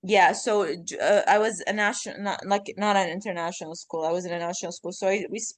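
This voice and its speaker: Talking fast in a steady, lowish voice with no room sound, this woman from Iraq, in her thirties and Arabic by first language, is a podcast guest in casual chat. Her talk meanders, is packed with fillers, and often doubles back to fix itself mid-sentence.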